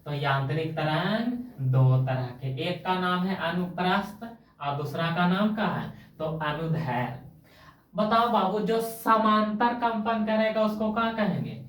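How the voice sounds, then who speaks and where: Woman, Magahi-tinged Bihari Hindi accent, coaching teacher, repetitive quizzing, low voice, echoey room far from mic. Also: measured pace. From Bihar, India. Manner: repetitive call-and-response quizzing; colloquial, homely. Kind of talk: coaching-class science lesson.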